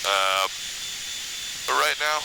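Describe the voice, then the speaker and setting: A man's voice: mid-range voice, slow pace, vocal fry. A man piloting a military jet, chatting casually over an oxygen mask intercom in the cockpit. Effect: oxygen mask radio intercom. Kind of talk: casual in-flight chat. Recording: loud aircraft hiss over cockpit intercom.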